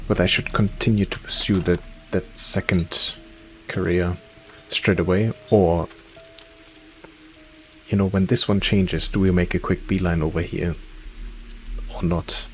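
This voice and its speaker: A man hosting a let's play, thinking aloud in casual gameplay commentary, his voice slightly hoarse and cracking. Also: low voice, fairly even intonation, measured pace, long pauses, faint music behind. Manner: thinking aloud, hesitant, muttering directions.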